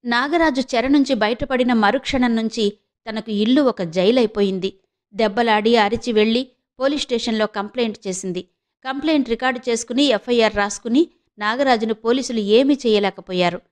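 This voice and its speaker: A woman narrating a novel audiobook in an expressive, measured storytelling manner. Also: on the high side.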